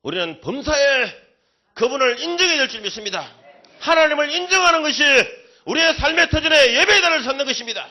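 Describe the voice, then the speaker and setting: A man's voice: extremely high pitch, animated, a little fast. Fervent man preaching. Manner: fervent preaching, rising to loud exclamations; chatty storytelling with local slang. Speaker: company chairman giving testimony. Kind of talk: church testimony sermon. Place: church sanctuary.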